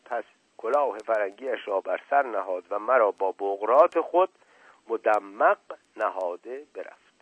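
A man reading a classical story aloud in a measured, formal storytelling manner. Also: on the low side, lively intonation, breathy edge, no room sound. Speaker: narrator. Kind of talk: scripted narration. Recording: tinny, dry, phone-like old radio.

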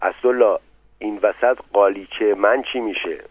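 A worried colonel who fusses over his brother and pleads with him in a soothing way, voiced by a male narrator. The voice is lowish and dry, squeezed into a narrow, phone-like band. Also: slightly rough, no room sound. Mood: fretful. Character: anxious middle-aged male colonel, fussing brother.

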